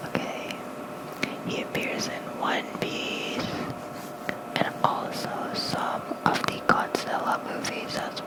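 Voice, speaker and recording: An ASMR creator whispers softly close to a fluffy-covered microphone, reading lore as a bedtime story with casual asides. The recording is rough.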